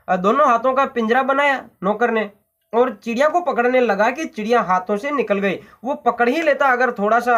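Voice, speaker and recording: A man's voice: extremely high pitch, a bit bright. A man teaching a textbook story, repeating phrases and explaining word meanings, often checking with "hmm?". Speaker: Hindi teacher.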